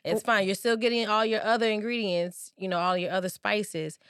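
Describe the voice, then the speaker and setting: A woman's voice: medium pitch, fairly even intonation, brisk, a bit bright, clean tone, no echo, clean studio sound. A woman co-hosting a casual food chat like a cooking show host, giving plain-spoken practical advice in a conversational, teasing way. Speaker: podcast co-host.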